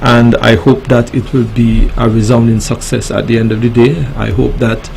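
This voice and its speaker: Male talk show host, Caribbean accent, formal and polite, mid-pitched with vocal fry, slight background noise. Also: flat delivery, a little mellow, poor audio. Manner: courteous, formal, deliberate phrasing. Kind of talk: formal radio interview hosting.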